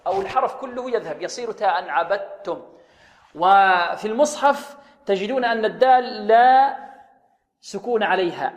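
A man with a high voice gives a Quran recitation lesson. He often asks a question and answers it himself, then recites the example slowly. His voice carries a long reverb.

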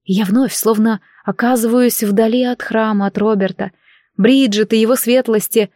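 A woman reading a first-person fantasy novel as an audiobook, in an expressive storytelling manner. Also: fairly high pitch, normal speed, no room sound, clean studio sound. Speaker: audiobook narrator.

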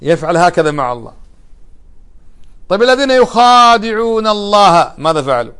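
A middle-aged man teaches a religious text. His voice sits fairly high for a man. He talks in an animated way, asking his listeners short questions and answering them himself. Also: a little fast, clean tone. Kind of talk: lecture explaining a religious text.

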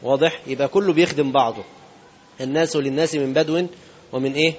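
A man's voice: on the high side, fairly even intonation, quick pace, muffled recording. A man preaching a sermon in Egyptian Arabic, speaking conversationally and asking his listeners rhetorical questions. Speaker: sheikh.

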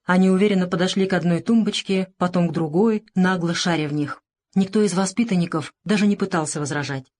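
A woman reading a novel aloud as narrator, steady and expressive. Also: lowish voice, fast. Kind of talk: scripted audiobook narration.

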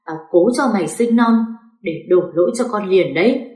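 A woman's voice: medium pitch, moderate pace, a little mellow, natural voice. A spiteful, bitter older sister-in-law, voiced by a woman narrator, sneering and venomous. The reading sits in an echoey room.

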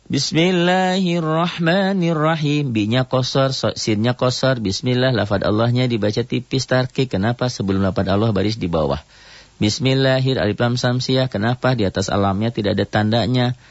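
A man teaching recitation rules on the radio, talking in short, clipped phrases at an ordinary middle pitch. The recording sounds dry and a little dull, like an old radio broadcast with no room sound. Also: vocal fry, dry recording. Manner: explains rules in short phrases, then chants verses slowly and higher. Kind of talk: radio tajwid lesson.

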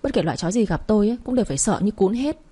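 A woman voicing a boastful, teasing young man in a storybook reading, with a husky voice. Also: mid-range voice, expressive, very fast, warm tone. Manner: brash, teasing.

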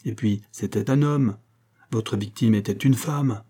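A man's voice: on the low side, measured pace, dark tone, slightly rough. A man reading the part of a proud, indignant Japanese baron in an audiobook, in a declaiming, oratorical manner. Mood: indignant oratory.

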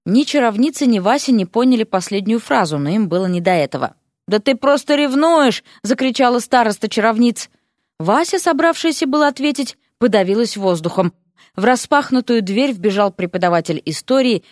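A woman narrates a fantasy audiobook with a lively, characterful delivery. Her voice sits fairly high, recorded dry and close. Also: no room sound. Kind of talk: expressive fantasy audiobook reading.

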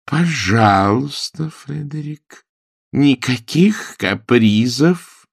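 A man voicing a strict, commanding old female governess in an audiobook, with slow, drawn-out scolding commands. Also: medium pitch, huge pitch swings, gravelly, husky, no room sound, clean studio sound, pitched above the performer's own voice, full character voice. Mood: insistent. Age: older. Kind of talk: audiobook character voice.

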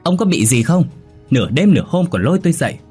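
A man voicing a shrill, quarrelsome middle-aged first wife, pitched well above his own voice, husky. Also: a little fast, darkish tone, faint music behind. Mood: scolding. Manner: shrill, scolding.

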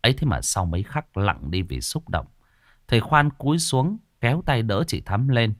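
A man's voice: mid-range voice, big pitch swings, moderate pace, dry recording, studio quality. A man narrating a ghost story with dramatic, varied storytelling delivery.

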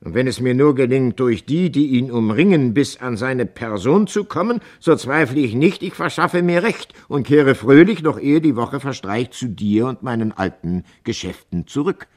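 A man's voice: medium pitch, expressive, normal speed, few pauses, close to an everyday voice. A man reading the part of a determined horse dealer who speaks to his wife firmly but tenderly in a storybook reading. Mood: confident. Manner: firm, earnest, gently persuasive.

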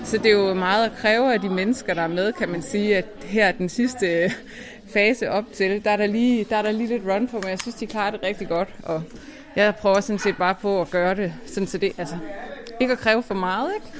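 A woman theatre director talks in a casual, chatty way, tagging her remarks with a quick question. Her voice sits at a middle pitch. A busy crowd fills the background. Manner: chatty, tags sentences with a questioning "right?". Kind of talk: casual interview.

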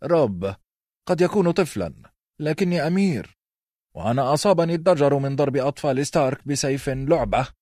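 A man's voice: a little high, animated, fairly quick, darkish tone, dry recording, clean studio sound, voice pushed up. A man voicing an arrogant teenage prince in an audiobook, bored and mocking in tone. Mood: sneering.

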